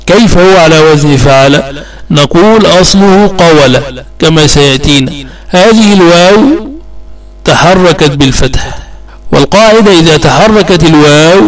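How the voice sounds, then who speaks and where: A man's voice: fairly high pitch, rough recording. A man teaching a grammar lesson, patiently asking and answering his own questions and repeating the key points.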